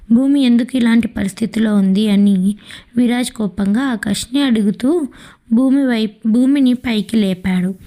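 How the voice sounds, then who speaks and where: A woman narrating a dramatic audiobook story in a steady, emotive reading. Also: on the high side.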